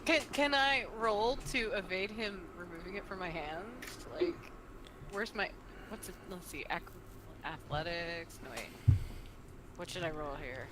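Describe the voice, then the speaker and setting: A woman playing a tabletop game, chatty and animated, asking about rolls and spells. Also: on the low side, a little slow, noisy background. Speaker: player. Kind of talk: casual tabletop play.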